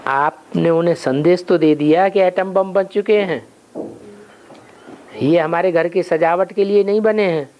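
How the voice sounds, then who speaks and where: A man's voice: high voice, fairly even intonation, unhurried, a little mellow. A man leading a spiritual class, answering questions and posing rhetorical questions he answers himself. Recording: dull lo-fi recording with faint noise.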